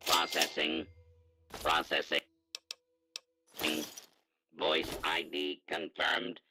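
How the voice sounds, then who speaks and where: A man's voice: a bass voice, monotone, very slow, gravelly, noisy background, heavily acted. A man voicing a male voice-lock computer in a video game, speaking in a synthetic processing voice with clipped, toneless announcements. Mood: mechanical.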